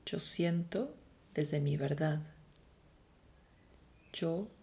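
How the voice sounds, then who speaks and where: A woman leads a breathing meditation in a slow, soft voice that often falls to a whisper. Her voice sits low and has a gravelly edge. She leaves long, unhurried pauses between her calm instructions. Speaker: meditation guide.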